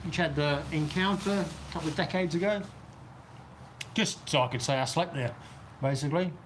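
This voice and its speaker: A man's voice: a little high, moderate pace, slight background noise. Chatty man with a New Zealand accent. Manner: chatty, rambling, answers viewer comments. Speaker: livestreamer. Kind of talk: casual live chat reading comments. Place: outdoor weather shelter on a golf course.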